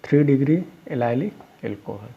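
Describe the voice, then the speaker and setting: Male chemistry teacher, husky tone, patient step-by-step lecturing, muffled lo-fi sound. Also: mid-range voice, lively intonation, normal speed. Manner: explains step by step, asks students questions and answers them himself; calls students "beta". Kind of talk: classroom lecture. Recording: dull lo-fi recording.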